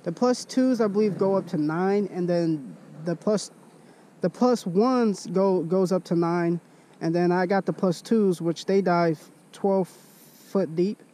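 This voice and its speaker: A man's voice: sits high, takes it slowly, warm tone, a little hiss or hum. A young man fishing from a kayak on a lake, chatting casually to his viewers and calling them guys. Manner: hyped, talks to viewers as guys. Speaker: fishing vlogger. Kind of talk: casual chat to camera. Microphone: action camera.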